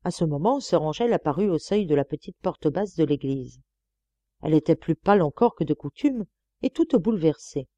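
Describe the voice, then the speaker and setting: Une lectrice de livre audio à la voix douce et feutrée, assez grave, qui raconte un roman avec des intonations très vivantes. Le son est proche et sec, sans réverbération. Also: female voice, low-pitched, animated, brisk, warm tone, dry recording, lo-fi sound. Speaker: audiobook reader. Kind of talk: scripted narration of a novel.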